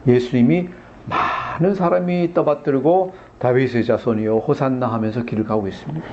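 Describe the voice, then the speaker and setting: A man's voice: medium pitch, dull audio, a little hiss or hum. Man preaching an acted-out sermon. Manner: acts out the blind men's cries and the crowd's hushing; asks the congregation questions. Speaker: pastor. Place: church sanctuary.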